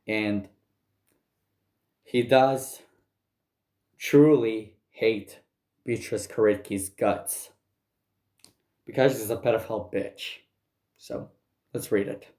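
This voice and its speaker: A man ranting in commentary, angry and profane, halting with frequent restarts. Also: on the low side, fairly even intonation, a little mellow, echoey room. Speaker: commentary youtuber.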